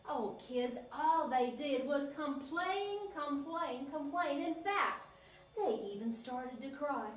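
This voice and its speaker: A woman's voice: sits high, expressive, takes it slowly. A woman playing a clown, telling a Bible story to children in an exaggerated, sing-song way. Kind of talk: animated children's lesson. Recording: echoey room, from a distance, faint noise.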